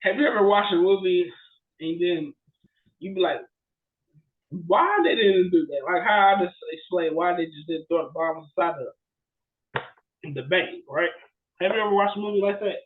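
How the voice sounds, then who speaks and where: A podcast co-host with a high voice speaks at a moderate pace with long pauses, casually retelling movie plots in animated fashion and frequently checking for agreement with "right?" The sound is echoey and somewhat muffled, with limited bandwidth.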